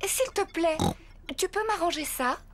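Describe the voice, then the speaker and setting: A woman's voice: very high-pitched, lively intonation, unhurried, soft background music. Une femme qui joue une maman cochon gentille mais ferme dans un dessin animé. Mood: flustered. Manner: motherly, firm. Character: Maman Pig, kind but firm mother pig. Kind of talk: French cartoon dubbing.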